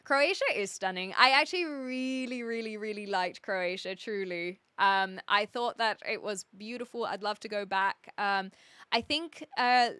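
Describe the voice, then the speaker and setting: A woman's voice: mid-range voice, pushed and bright, clean tone, no echo. A woman with a mixed New Zealand and British accent, chatting casually and cheekily with viewers as a live streamer. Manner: chatty, cheeky, reacts to chat messages. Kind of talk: casual livestream chat with viewers.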